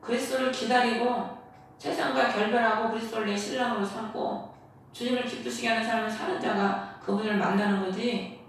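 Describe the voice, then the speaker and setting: A woman's voice: a little high, fairly even intonation, a little fast, slight background noise. A woman pastor preaching a sermon earnestly and asking the congregation rhetorical questions. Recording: echoey hall, voice from far off.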